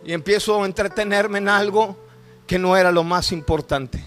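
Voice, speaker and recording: A middle-aged man, preaching a sermon testimony and moving between hushed and shouted emotional storytelling. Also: high-pitched, steady tone, moderate pace, soft background music.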